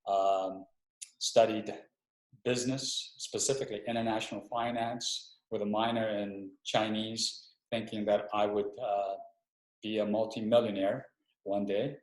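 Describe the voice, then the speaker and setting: Heard on a video call with roomy echo, the middle-aged chaplain from Hawaii, an Army man, answers webinar interview questions at a measured pace. His fairly low voice barely shifts in pitch. Reflective and a little unsure, he keeps restarting his sentences.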